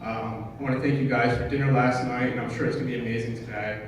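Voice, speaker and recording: A man giving an informal, humorous best man speech at a wedding, joking along in a halting way and often correcting himself. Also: mid-range voice, little pitch movement. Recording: distant, very echoey, noisy room recording.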